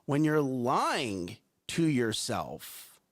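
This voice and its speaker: Speaking very slowly in a mid-range, very animated voice, a man co-hosts a live morning talk show. He sounds strong and carrying, repeats himself with energy, and keeps asking "right?" and "okay?".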